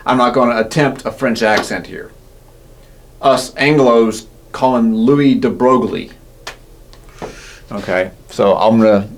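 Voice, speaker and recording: A man's voice: medium pitch, slight background noise. A man teaching physics in a casual, self-correcting lecture style, often checking in with "right?". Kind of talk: classroom lecture.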